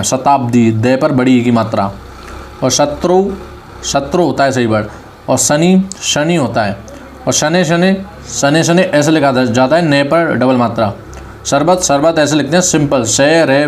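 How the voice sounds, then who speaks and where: A man teaching a spelling lesson online, saying each word over and slowly correcting it. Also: medium pitch, a little hiss or hum. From India. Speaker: online exam-prep Hindi teacher.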